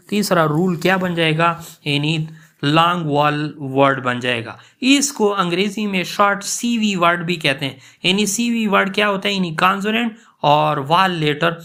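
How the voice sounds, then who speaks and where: A man explaining English pronunciation rules in an online lecture, mixing with English and reading the English rules slowly, word by word. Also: high-pitched, a bit bright. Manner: explains in Urdu-Hindi, reads English rules slowly word by word, repeats "yani" often.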